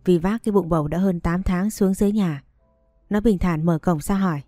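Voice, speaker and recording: Female storyteller, steady reader; low, dark, dry. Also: a little fast, no echo, faint music behind. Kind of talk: story narration.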